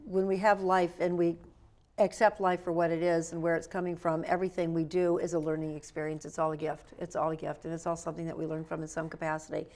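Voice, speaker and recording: A woman guest in an interview, chatting in a playful, animated storytelling way. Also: deep voice, fast. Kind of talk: lively interview chat.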